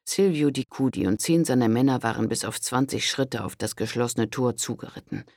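A man reading a historical audiobook in a calm, measured way, recorded close to a studio microphone. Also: mid-range voice, no echo. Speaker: audiobook narrator. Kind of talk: scripted historical audiobook narration.

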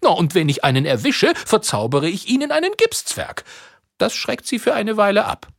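A man reading aloud, voicing a grumbling, sly old witch in a husky, put-on high voice. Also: huge pitch swings, normal speed, no echo, studio quality, full character voice.

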